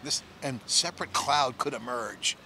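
A middle-aged man hosting an on-site tech analysis chat outdoors with a handheld mic, talking in a rapid, enthusiastic, riffing way. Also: medium pitch, animated, sharp tone, a little hiss or hum. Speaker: tech show host. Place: outdoor plaza at a conference.

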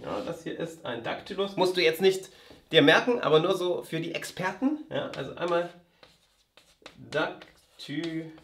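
A gravelly-voiced man with a slightly high pitch talks a viewer through writing a poem. He recites the verses slowly and rhythmically, tapping out the stresses, then speaks directly and warmly to the listener. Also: lively intonation. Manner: addresses viewer directly, friendly. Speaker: writing coach. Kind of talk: casual video lesson on poetry writing. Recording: sound quality gets worse.

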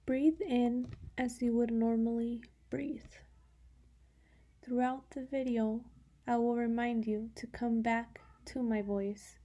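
Soft and breathy, on the high side, a woman's voice guides a meditation and often trails down to a near whisper. Long pauses separate her calm instructions.

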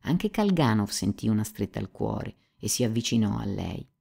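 Woman audiobook narrator, very low voice, gravelly, dark tone, measured. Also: lively intonation.

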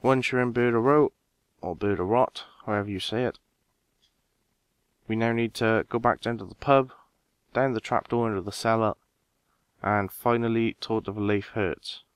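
A man with a smooth, resonant voice, recorded dry and close with no room sound. He walks viewers through a game quest step by step in a relaxed, casual voice-over. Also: on the low side, normal speed, long pauses, no room sound. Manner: relaxed step-by-step instructions, talking straight to viewers. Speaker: game guide narrator.

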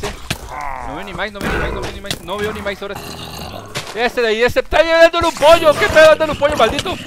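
Young Mexican streamer, high voice, yelpy and excitable, game music behind. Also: male voice. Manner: excitable, loud outbursts and laughs. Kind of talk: live gaming stream commentary.

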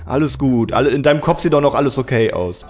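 A man hosting a let's play with casual, jokey commentary, often yelling and laughing at the game. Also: medium pitch, animated, fast talker, faint music behind.

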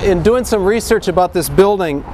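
A middle-aged man with a fairly high voice leads a walking tour outdoors, chatty and eager, with plenty of "uh"s between points. Traffic and street ambience hum faintly behind him, as heard on a nearby camcorder. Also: expressive, moderate pace. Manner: chatty, enthusiastic, with frequent uh fillers. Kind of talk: outdoor guided tour talk. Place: busy downtown street outdoors with a crowd.

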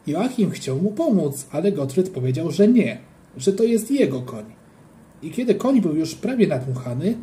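A reader narrating a children's story in an animated, playful way, as a boy telling his own tale. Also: mid-range voice. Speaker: audiobook reader.

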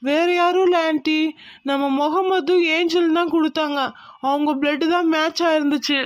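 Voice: high voice, steady tone, moderate pace, no echo, voice pushed up, close to an everyday voice. A performer voicing an anxious devoted young son. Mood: reassuring. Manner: pleading, earnest. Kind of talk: Tamil cartoon voice acting.

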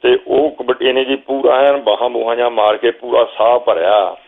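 An older Punjabi man, a guest telling a long story from memory at an unhurried pace, now and then quoting what he told the players. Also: medium pitch, steady tone. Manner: slow reminiscing storyteller, quotes himself calling instructions. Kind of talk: storytelling interview. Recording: phone-like narrow sound.

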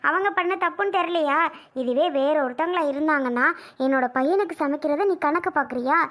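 A woman's voice: sits high, fairly quick, lightly acted. A girl playing a defiant young daughter in a family skit, arguing with her father in an indignant, insistent way.

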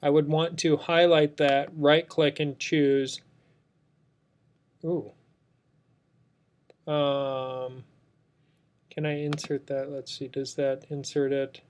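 This software instructor has a fairly high voice and a flat, slow delivery with frequent pauses. Indoors, he voices over a screen recording, walking through an unscripted tutorial step by step.

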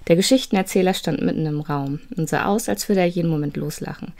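A woman narrating a children's advent story in a calm, measured reading voice. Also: on the low side.

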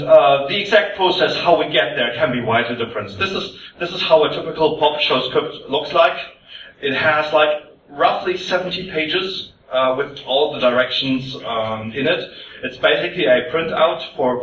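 A man's voice: a little high, normal speed, fairly bright tone, recorded from a distance, a little hiss or hum. A man speaking English at a convention panel, explaining things with many fillers and restarts. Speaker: panelist presenting the show's process. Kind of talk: conference panel talk. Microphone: recorded from far off. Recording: echoey dull room audio from afar.

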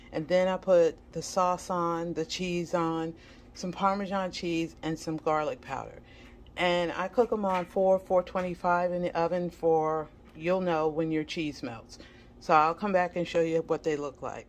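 Woman, low-pitched, casual vlog host, talking through home cooking, in a kitchen, faint room noise. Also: a little mellow. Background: faint kitchen background noise.

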